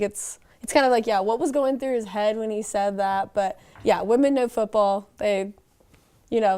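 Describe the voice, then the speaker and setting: A woman's voice: mid-range voice, darkish tone, smooth. A young woman in a casual student sports panel discussion, chatty and full of fillers. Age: young adult.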